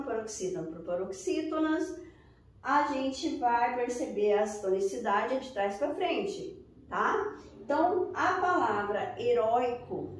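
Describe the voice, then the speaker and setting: A woman teacher explaining a lesson slowly, pointing at examples as she goes. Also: on the high side. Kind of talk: recorded lesson. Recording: echoey room, voice from far off the mic.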